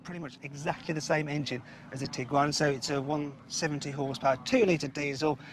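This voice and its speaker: A man's voice: fairly high pitch, steady tone, brisk, a little hiss or hum. A man with a Birmingham accent presenting and explaining things as host of a car show.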